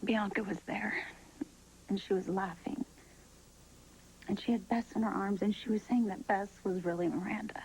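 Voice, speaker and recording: An actress playing an anxious young new mother who talks in a soft, whispery way. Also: medium pitch, steady tone, normal speed, vocal fry, pauses often, slight background noise, close to an everyday voice, low-quality recording. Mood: frightened. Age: young adult. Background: faint background music.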